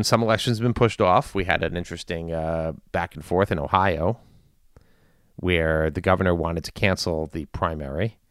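A man giving informal news and community commentary in a measured, deliberate way with long pauses. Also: deep voice, fairly bright tone, clear, resonant tone, no room sound, studio quality. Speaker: commentator addressing his community.

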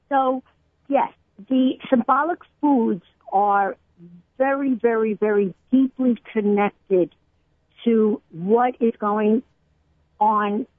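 A woman's voice: medium pitch, no echo. Woman speaking over a tinny phone line. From Brooklyn, USA. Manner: explains at length with many pauses and fillers. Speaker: guest, cookbook author. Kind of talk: radio phone interview. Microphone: telephone.

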